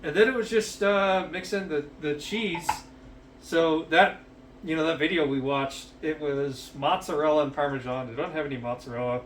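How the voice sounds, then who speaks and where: A man's voice: on the high side, normal speed, distant mic, a little hiss or hum. Profane, rambling man in a roomy kitchen. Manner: profane and rambling, with many fillers. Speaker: cooking show host. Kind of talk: casual cooking vlog chat. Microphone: headset. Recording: roomy, off-mic, music underneath.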